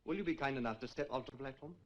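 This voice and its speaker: An actor playing a stern, sarcastic male anatomy lecturer in a 1960s film, brisk and commanding. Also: mid-range voice, dull audio, a little hiss or hum, close to an everyday voice.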